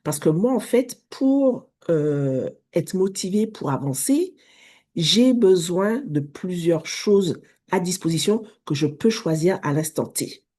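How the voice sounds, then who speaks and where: Woman vlogger, 30s, English accent; low, dark voice, chatty direct address. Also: animated, slow. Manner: chatty, addresses viewer as tu, self-correcting restarts. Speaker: vlogger, business coach. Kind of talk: casual direct-to-camera talk.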